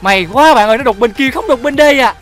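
A man's voice: very high voice, expressive, fast talker, fairly bright tone. Guy jokin around over his game, cursing a bit, faint music behind. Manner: joking, teasing, swears casually and laughs often. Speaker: gaming channel host. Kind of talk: gameplay commentary.

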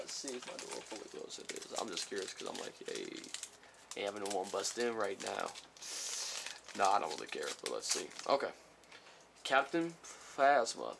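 A man chatting casually while unboxing trading cards, rambling and reading each card title aloud slowly, a little sick. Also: fairly low pitch, creaky, background noise. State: slightly sick. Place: small room at home.

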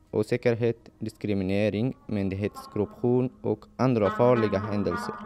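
A man reading a scripted documentary voice-over in an earnest, measured way, slowing down to stress key points. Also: lowish voice, mellow. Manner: earnest, measured reading with slow deliberate emphasis. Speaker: documentary narrator.

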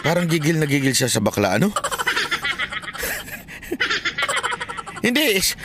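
A man's voice: on the high side, sing-song, fast talker. A man hosting a comedic commentary show, joking, laughing often and throwing rhetorical questions at his audience. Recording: noisy background.

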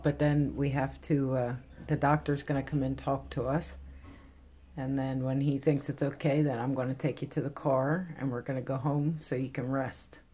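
A middle-aged woman in casual conversation, gently coaxing and reassuring as a parent, explaining things simply. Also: extremely low pitch, flat delivery, normal speed, slight background noise. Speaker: parent looking after a patient. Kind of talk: casual chat. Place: small recovery room, indoors.

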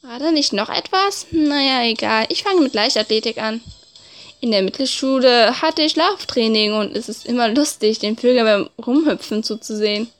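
A woman with a high voice narrates a visual novel game. She reads the text expressively and drops in informal, casual asides. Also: moderate pace. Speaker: let's play narrator.

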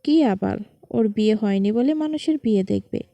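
A woman's voice: a little high, normal speed, mellow, no room sound. A woman narrating a romantic story, reading every part in her own voice with little change.

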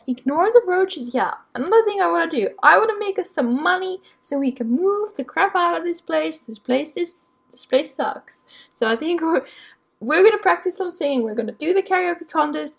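A woman's voice: high-pitched, creaky. A young woman casually chatting through her game as she plays, rambling and talking to herself with lots of ums. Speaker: let's play gamer. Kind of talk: casual gameplay commentary.

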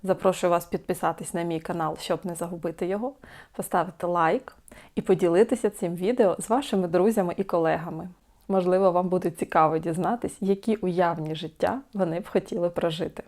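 A woman talking to camera in a self-help video, calm and coaching, asking the listener many questions. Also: on the low side, a little fast. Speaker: support group host.

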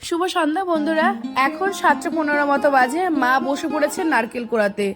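A middle-aged woman with a hoarse voice, chatting to viewers in a casual home vlog. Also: high-pitched, animated, a little fast, over music. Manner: chatty, addresses viewers directly. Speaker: vlogger. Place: family home, in and out of doors.

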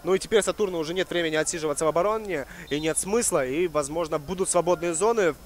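A man's voice: on the high side, fast, slight background noise. A man giving live football commentary as a match commentator.

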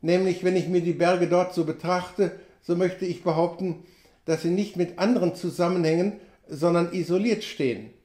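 A man's voice: high voice, fairly even intonation, moderate pace, mellow, close to an everyday voice. A man voicing a chatty, folksy old frontier trapper who talks in clipped, colloquial phrases and exclaims often. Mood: indignant. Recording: roomy echo.

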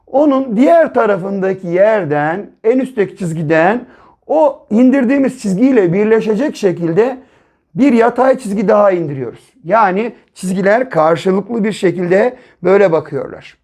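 A man teaching young children to read and write, explaining slowly step by step, repeating syllables and often checking with them. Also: high-pitched, animated, a little mellow. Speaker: primary school teacher. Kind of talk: early reading and writing lesson for children.

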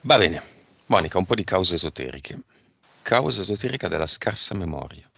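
Deep gravelly guy running a hypnosis session, short pointed questions, dull lo-fi sound. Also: very animated, bright, forceful tone, dry recording. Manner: brisk, directive questioning. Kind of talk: guiding an esoteric hypnosis session.

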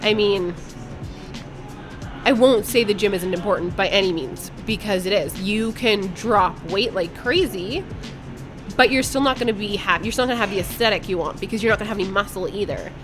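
A woman's voice: mid-range voice, brisk, music in the background. A woman guest on a podcast, telling a personal story in a candid, blunt way and swearing casually. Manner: candid, blunt, speaks her mind.

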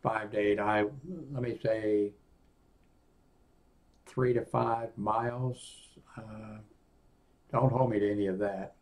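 In a small indoor home office, a man in his sixties gives an off-the-cuff product review in a fairly low, level-toned voice. He speaks casually and haltingly, rambling between his own comments and passages he reads aloud from a screen.

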